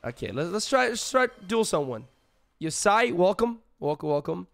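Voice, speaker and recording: A man streaming live with a sick, hoarse voice, chatting casually with his viewers in a rambling way. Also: sits high, big pitch swings, moderate pace, a bit bright. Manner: rambling, filler-heavy, greets chat.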